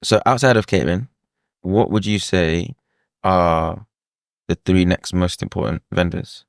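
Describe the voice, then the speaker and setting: Low-voiced man hosting a chat. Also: measured pace, vocal fry, no room sound, clean studio sound. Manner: relaxed, asks questions with short agreeing murmurs. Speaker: podcast host, MC. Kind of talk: casual interview chat.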